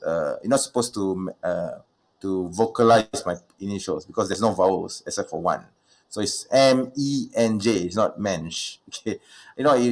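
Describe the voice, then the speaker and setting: A man hosting a livestream Q&A, talking casually with many fillers and restarts. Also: sits low. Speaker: livestream host.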